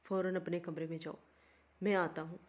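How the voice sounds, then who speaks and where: A woman's voice: on the low side, level tone, highs cut off, close to an everyday voice. A torn young husband, read by a woman.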